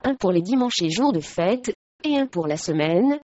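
A woman's voice: medium pitch, animated, moderate pace, dark tone, no echo, natural voice. A stern, irritable medieval lord who scolds his household, as a woman narrator puts him on. The audio is dry and a little dull. His voice sits in a middle register.

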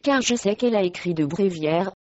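A woman's voice: medium pitch, lively intonation, brisk, darkish tone, no echo, dull audio, close to an everyday voice. A woman reading the part of a noble lady remarking proudly on her daughter.

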